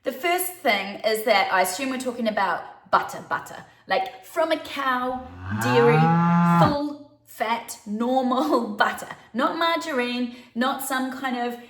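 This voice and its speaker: Chatty high-voiced New Zealand woman. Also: lively intonation, unhurried, a bit bright. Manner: chatty and conversational, with light laughs. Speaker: baby sleep consultant. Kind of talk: casual advice talk to camera. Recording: roomy echo.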